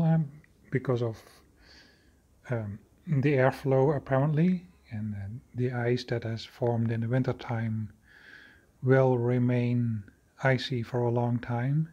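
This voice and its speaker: A man narrating his own cave footage in an unscripted voice-over, slow and halting with many fillers and restarts. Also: mid-range voice, mellow, lo-fi sound. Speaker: video creator exploring a cave.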